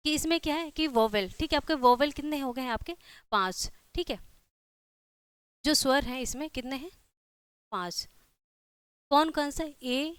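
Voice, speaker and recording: This classroom lecture comes from a woman with a high, smooth, fairly bright voice and a Hindi accent, with no room sound. She repeats points constantly and checks in with "theek hai" ("ठीक है") after nearly every phrase.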